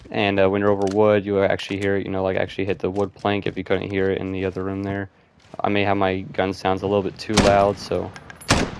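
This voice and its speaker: A man's voice: low-pitched, background noise. A man giving casual, rambling gameplay commentary, thinking aloud with lots of fillers. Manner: rambling, loose, with frequent fillers like "and stuff".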